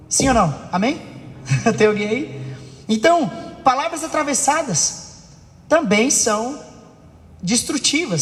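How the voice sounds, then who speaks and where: This preacher's voice is very high and a bit bright, echoing with the long reverb of a church hall. During his sermon he plays out family arguments, raising his voice, and seeks the congregation's agreement.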